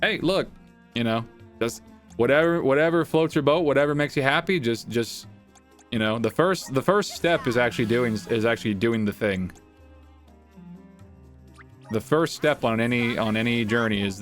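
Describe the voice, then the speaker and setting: A man who works as a streamer and voice actor, chatting excitably to viewers on a livestream and often repeating his phrases. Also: lowish voice, moderate pace, pauses often, faint music behind.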